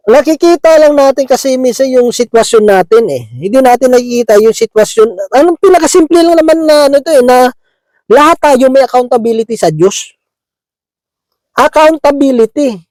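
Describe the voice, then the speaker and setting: A man with a very high-pitched, somewhat mellow voice preaches a chatty, conversational sermon, chuckling often and slipping English words into his talk. He keeps checking in with listeners by asking "di ba?" The recording is rough, with no room sound.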